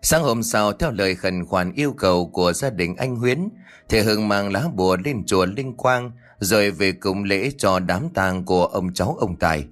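A man narrating a ghost story in a steady, measured scripted style. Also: lowish voice. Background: faint music.

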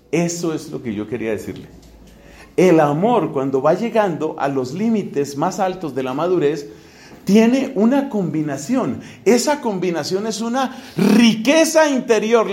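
A Colombian priest in his fifties with a Colombian Spanish accent, giving a theological lecture in a conversational way and putting questions straight to his listeners. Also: sits high. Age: 50s.

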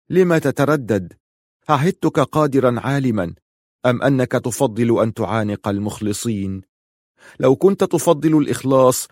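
Man reading a story out loud, grave and mournful, dry close sound. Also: medium pitch, no echo. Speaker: narrator. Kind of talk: dramatic audiobook reading.

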